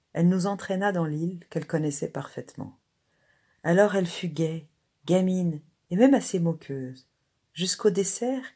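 A woman narrates a classic short story in a measured, expressive reading. Her voice sits low and sounds husky and breathy. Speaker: reader.

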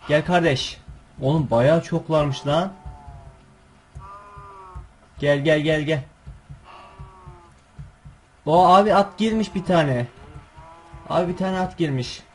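A man hosting his gaming channel, giving chatty, excitable gameplay commentary full of coaxing calls and slangy asides. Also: a little high.

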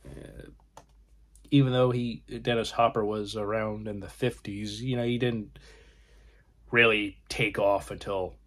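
A man hosting his own film channel, casually showing his disc collection in halting, rambling talk with frequent pauses. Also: fairly low pitch, steady tone, fairly bright tone. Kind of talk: casual video collection review.

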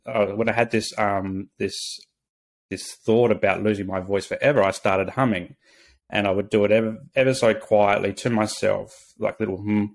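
An Australian social worker in his thirties, appearing as a podcast guest, earnestly tells his own story in a casual interview over a video call, with many restarts and fillers. His voice is on the low side with vocal fry, picked up by a webcam in a small home office.

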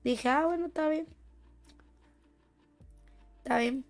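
A woman's voice: high voice, takes it slowly, soft background music. A woman with a Mexican accent streaming a shooter game, chatting casually with playful, teasing, boastful banter. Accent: Mexican Spanish. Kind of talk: casual gaming stream chat.

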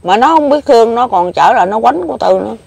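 A woman's voice: fairly high pitch, animated, fast talker, creaky, darkish tone, husky, no echo. Emotional older woman with a Southern Vietnamese accent. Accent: Southern Vietnamese, Mekong Delta. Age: 70s. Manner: plain-spoken, repetitive, emotional. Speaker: interviewee. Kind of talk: casual rambling recollection.

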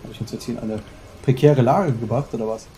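A man's voice: medium pitch, quick pace, mellow, a little hiss or hum. A man narrating a horror game as let's play host, chatty and dropping English exclamations into his German.

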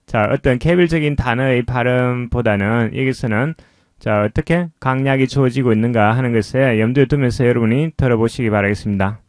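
A man teaching English pronunciation, explaining slowly and patiently in a lesson voice-over. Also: medium pitch, a little mellow, dry recording, clean studio sound.

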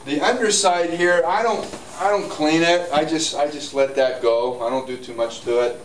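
A man's voice: fairly high pitch, moderate pace, a little hiss or hum. Chatty man in a roomy showroom. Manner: chatty, upbeat, walks and gestures while explaining. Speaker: hot tub store owner. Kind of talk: casual how-to demo. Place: spa showroom, indoors, large. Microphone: camera on tripod at a distance. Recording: roomy showroom audio, camera mic from a distance.

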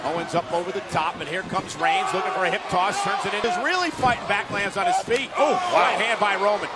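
A man's voice: high-pitched, a little fast. A man working as a play-by-play wrestling commentator, calling moves in an urgent, emphatic way. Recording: live arena broadcast over loud crowd noise. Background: roaring arena crowd, ring slams.

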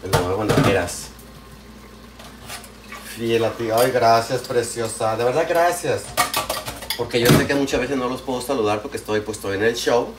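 Mexican guy livestreaming from his kitchen, slangy and affectionate, mid-pitched voice, pans clattering and frying behind him. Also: moderate pace, pauses often, very noisy. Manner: chatty and affectionate, greets viewers by name, slangy. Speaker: live streamer. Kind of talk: casual cooking livestream chat. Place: home kitchen at night. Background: frying, pots and dishes clattering.

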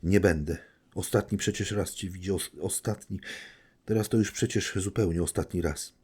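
A man voicing a desperate young woman who pleads with hurried questions. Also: sits low, a little mellow, breathy edge, pitched above the performer's own voice.

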